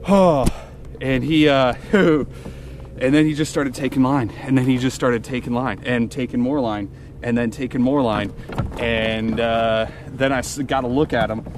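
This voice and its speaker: A man's voice: medium pitch, steady tone, unhurried, background noise. A man filming himself fishing from a kayak on a lake, exclaiming in disbelief and whooping over his catches. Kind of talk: excited fishing vlog commentary.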